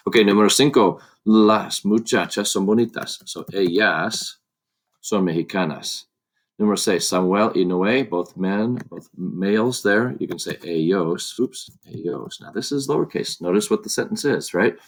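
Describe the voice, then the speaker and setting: A man's voice: lowish voice, moderate pace. A man teaching a Spanish lesson over a screen recording, patiently explaining each step and repeating points as he goes. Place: at a desk with a laptop. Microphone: computer mic on a laptop.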